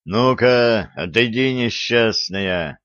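A man voicing a stern, blunt warrior priest with a gruff, commanding manner. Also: medium pitch, slow, fairly bright tone, no echo, lo-fi sound. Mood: urgent.

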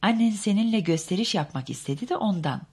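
A woman's voice: medium pitch, animated, fast talker, darkish tone, breathy edge, voice pushed up. A woman voicing a flighty rich young mother who coos and fusses, in an audiobook. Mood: cooing. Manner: cooing, affected.

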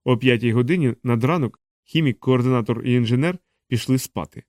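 A man reads an audiobook in a measured, steady voice, close on a studio mic. His tone is dark and mellow. The recording is dry, with no room sound. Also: medium pitch, no echo. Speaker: audiobook narrator. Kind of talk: scripted audiobook narration.

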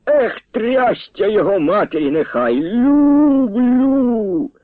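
A man's voice: mid-range voice, animated, normal speed, no echo, lightly acted. Brief: male reader as jolly old villager, exclaiming, thin radio sound. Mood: exuberant. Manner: hearty, exclaiming. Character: merry old village grandfather, boisterous. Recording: tinny dry radio recording.

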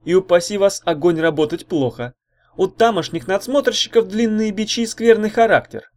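A man voicing a slick, wheedling male swindler who works a crowd, with a loud, rising, theatrical delivery. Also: high-pitched, normal speed, voice pushed up, lightly acted. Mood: persuasive.

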